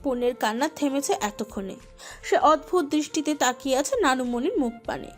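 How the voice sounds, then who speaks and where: Woman storyteller, high voice, emotive scripted narration over soft music. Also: animated, a little fast. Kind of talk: dramatic scripted narration of a romantic audio story.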